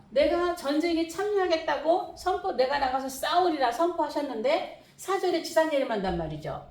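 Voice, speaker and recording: A middle-aged woman pastor preaching a lecture-style sermon, her high voice leaping up and down as she presses each point. She repeats key phrases for emphasis. The sound is roomy and echoey. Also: darkish tone.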